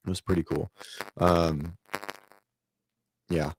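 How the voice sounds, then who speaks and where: A man's voice: low-pitched, flat delivery, slow, slight background noise. A man hosting a fitness show, chatting loosely about competition results with lots of fillers and the odd swear word, over a call setup. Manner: loose, profane, filler-heavy commentary. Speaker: fitness podcast host. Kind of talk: casual chat. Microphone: remote call setup.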